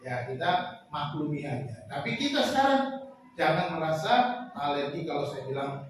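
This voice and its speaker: Male preacher, high-pitched and animated, distant mic in a big church hall with faint noise. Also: moderate pace. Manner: animated, shouting peaks, acts out quotes. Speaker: pastor. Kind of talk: sermon.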